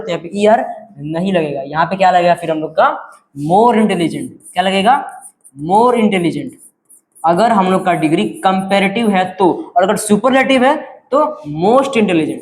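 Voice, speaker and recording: A man's voice: high-pitched, echoey room. A male teacher explaining grammar in his words, often asking check questions and repeating key words.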